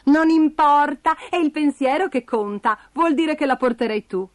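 A woman voicing an eager, excitable young boy character in a storybook reading. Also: high-pitched, normal speed, no echo, studio quality, voice pushed up, close to an everyday voice.

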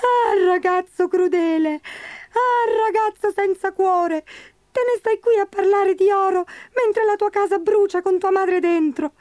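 A woman voicing a tiny, crafty male leprechaun cobbler in a high, squeaky, pleading voice. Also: animated, moderate pace, no echo, studio quality. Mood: wailing.

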